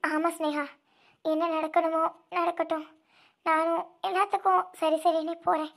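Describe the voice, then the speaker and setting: A woman voicing a grieving young snake-woman who guards her younger sister, speaking with tearful, halting repeats in an amateur audio drama. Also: very high voice, little pitch movement. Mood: troubled.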